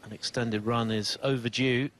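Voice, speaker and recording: A man's voice: mid-range voice, fairly even intonation, moderate pace, a bit bright, a little hiss or hum. A man giving snooker commentary in articulate, formally phrased, considered sentences. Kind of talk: sports commentary. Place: live snooker broadcast commentary.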